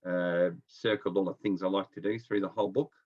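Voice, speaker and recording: Speaking briskly in a low, steady voice, a middle-aged Melbourne man who is an experienced nurse tells colloquial stories as an interview guest. The remote call comes from his home, and the audio sounds dull.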